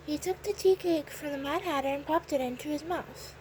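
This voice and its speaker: A woman narrating a children's storybook with a gentle, expressive read-aloud delivery. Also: high-pitched, fairly quick, slight background noise, low-quality recording.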